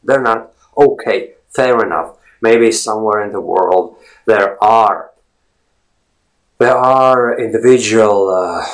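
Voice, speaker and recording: A Latvian man in his forties, a language blogger and native Latvian speaker, talks in English with a fairly low voice. His casual monologue rambles, full of fillers and repeated words, and the recording is rough.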